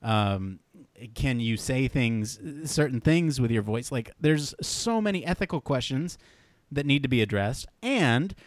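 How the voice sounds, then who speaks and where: Excitable young man co-hosting a podcast. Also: medium pitch, a little slow, no room sound. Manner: animated, rambling with restarts. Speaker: podcast co-host. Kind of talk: casual chat.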